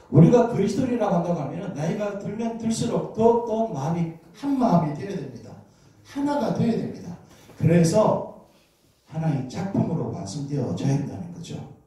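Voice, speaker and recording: Lively high-pitched male pastor in an echoey church. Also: normal speed. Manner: humorous, asks the congregation questions. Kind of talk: sermon. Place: church sanctuary. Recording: very echoey hall, distant mic.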